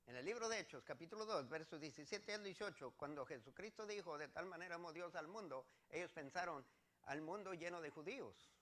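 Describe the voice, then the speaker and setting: A man's voice: a little high, lively intonation, fairly quick, a bit bright. A man from Mexico, preaching a sermon as pastor and reading scripture verses with earnest repetition.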